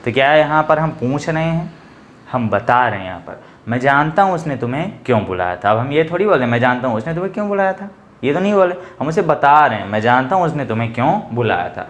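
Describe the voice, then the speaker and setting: A man teaching English grammar in a casual, chatty classroom style, reading English examples slowly and explaining them. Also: mid-range voice, big pitch swings, reverberant. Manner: chatty, addresses viewers as bhai and bhaiya.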